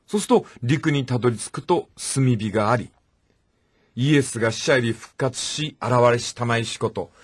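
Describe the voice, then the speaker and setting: ハスキーで抑揚の大きい男性語り手. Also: male voice, medium pitch, animated, moderate pace, breathy edge. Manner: acts out the voices in the stories he retells. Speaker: radio talk show host. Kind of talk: animated storytelling commentary.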